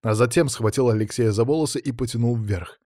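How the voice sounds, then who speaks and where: A man's voice: mid-range voice, a little fast, mellow, dry recording. A man reads a first-person audiobook in a mid-range voice, with a wry, sardonic edge in his asides. The recording is dry and close with no room sound. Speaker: audiobook narrator.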